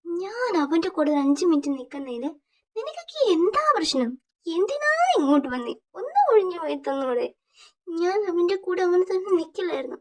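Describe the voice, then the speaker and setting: A woman's voice: very high-pitched, expressive, fast, warm tone. A woman voicing a heartbroken young man who cries and stammers through his words. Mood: sulky. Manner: pleading, broken, stammering. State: crying. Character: heartbroken young man sobbing over a friend.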